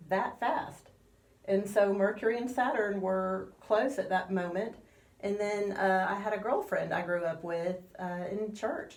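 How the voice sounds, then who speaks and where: A woman's voice: medium pitch, a little mellow, echoey room. A woman with a slight lisp, rambling casually as a radio guest with many fillers. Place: radio studio.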